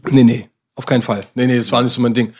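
Fast-talking man. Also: medium pitch, breathy edge. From Germany. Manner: slangy, animated storytelling. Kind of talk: casual chat.

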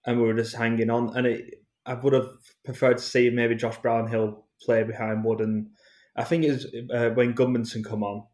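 Flat-toned man. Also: medium pitch. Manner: measured, even-toned analysis. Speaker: podcast guest. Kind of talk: casual football podcast chat.

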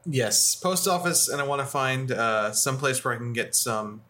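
A man's voice: medium pitch, expressive, normal speed, pushed and bright. A man chatting casually as a player in a tabletop role-playing game.

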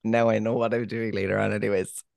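A man's voice: fairly low pitch, little pitch movement, fast, gravelly, darkish tone, no echo. A young man co-hosting a podcast, hungover and tired, chatting in dry, jokey banter. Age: young adult. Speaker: podcast co-host. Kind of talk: casual chat.

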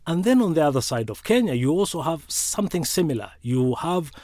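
A man with an East African accent, speaking as an analyst in an interview, deliberately, often repeating words as he thinks. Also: on the high side, big pitch swings, dark tone, no echo, clean studio sound. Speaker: expert analyst being interviewed. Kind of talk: spoken political analysis.

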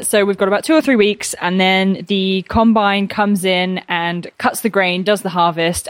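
A young woman talks in a slightly low, dry-sounding voice, close and unreverberant. She chats casually and enthusiastically, as in a vlog, from inside a barn with rain on the tin roof. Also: dry recording. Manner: chatty, enthusiastic. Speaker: farm partner and vlogger.

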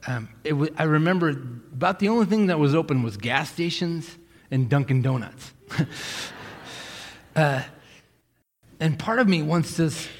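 A pastor from Massachusetts, USA, preaches a sermon casually and jokingly, often interrupting himself and restarting sentences. His voice is a little high for a man, and the hall reverb of the church sanctuary lingers long after his words.

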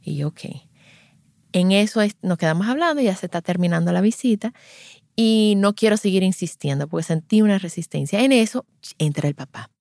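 A lactation consultant sharing a story from a home visit, animated and acting out the people in it, reassuring as she gives advice. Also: mid-range voice, brisk, vocal fry, no room sound. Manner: animated, acts out each voice in the anecdote. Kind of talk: personal storytelling.

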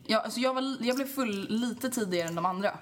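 A young woman co-hosting a casual podcast, telling an animated story, acting out quotes, laughing often and swearing freely. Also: on the high side. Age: young adult. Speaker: podcast co-host.

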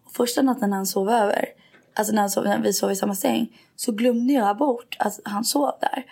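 A woman's voice: mid-range voice, fairly even intonation, creaky, darkish tone, slightly rough. A young woman from Sweden, co-hosting a podcast, telling stories animatedly and mixing in English and swearing. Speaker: podcast co-host. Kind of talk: casual chat.

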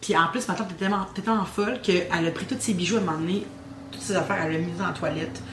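A young woman with a Québécois accent, casually telling an animated ghost story on a podcast. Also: on the low side, rapid-fire. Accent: Québécois French. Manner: animated storyteller, teasing suspense. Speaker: guest telling her story. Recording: roomy with faint ambient noise.

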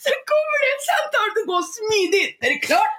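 Lively, laughing woman telling stories. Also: very high-pitched, raised voice. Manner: animated storyteller, laughs often; acts out voices when telling stories. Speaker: podcast co-host. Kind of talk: casual chat.

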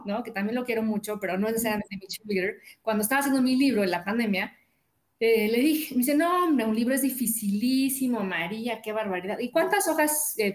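Upbeat woman in an echoey room. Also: a little high. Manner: upbeat, tells stories with quoted dialogue. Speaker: guest author and sales coach. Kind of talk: casual interview chat. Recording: roomy echo.

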